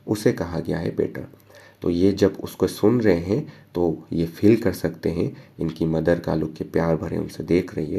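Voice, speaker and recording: Brief: male teacher, low dark voice, gravelly texture, slow verse readings and casual explanation. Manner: reads verse lines slowly, then explains casually. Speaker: English teacher. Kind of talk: line-by-line poem explanation.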